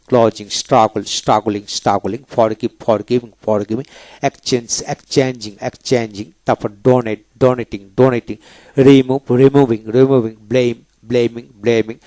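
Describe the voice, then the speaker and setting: A man teaching English pronunciation in a video lecture, slowly saying each word and repeating it twice. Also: medium pitch, darkish tone, no echo.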